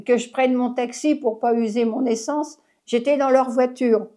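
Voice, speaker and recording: A woman's voice: a little high, steady tone, moderate pace, dark tone. An older woman with a Parisian accent tells stories from her years as a taxi driver in a chatty way, laughing often and trailing off mid-sentence. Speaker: interviewee, former taxi driver. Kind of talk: casual storytelling.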